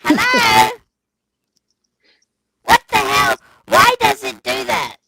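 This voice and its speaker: A man hosting a live stream chat, his voice pushed up into a chipmunk squeak by a glitching mic, sounding baffled as he tests it. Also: very animated, takes it slowly, creaky. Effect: mic glitch pitching his voice up to a chipmunk squeak. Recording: loud noisy glitching computer mic.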